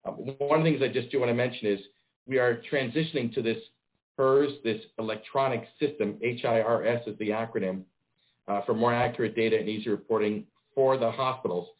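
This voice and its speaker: A man, a public health official giving a briefing over a conference call phone line, measured and pausing with frequent ums. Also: mid-range voice. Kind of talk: press briefing.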